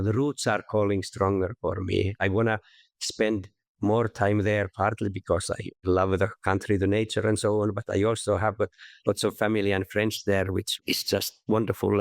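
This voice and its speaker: A man's voice: fairly low pitch, vocal fry, no room sound. Man in his sixties, dry sound. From Finland. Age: 60s. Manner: thoughtful, measured, explanatory with hedging asides. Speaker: guest, investment researcher. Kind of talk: conversational interview answer.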